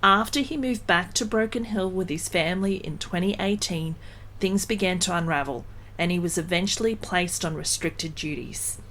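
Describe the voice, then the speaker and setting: Measured woman podcast host. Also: on the low side, fairly bright tone, slight background noise. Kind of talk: scripted introduction and interview questions.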